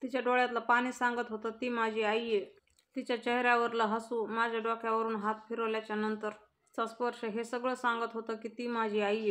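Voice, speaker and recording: A woman's voice: a little high, fairly bright tone, natural voice. A woman reading the lines of a distraught young woman who is accused and insists she is innocent. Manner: earnest and pleading.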